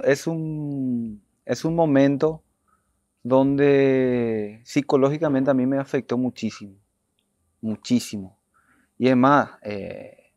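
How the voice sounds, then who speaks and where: Earnest man, dull dry sound. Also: no room sound. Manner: earnest, repeats phrases, drops to a soft low voice. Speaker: guest, former footballer. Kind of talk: interview storytelling.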